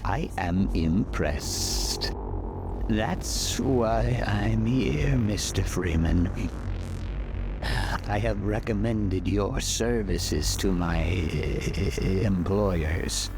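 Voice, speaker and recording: Sinister government man, low voice, swooping odd stresses, drawn-out formal words, enigmatic, audio drama, music behind. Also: lively intonation, vocal fry, full character voice. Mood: smug, menacing. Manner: deliberate, oddly stressed, drawn-out formal phrasing. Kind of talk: audio drama character acting.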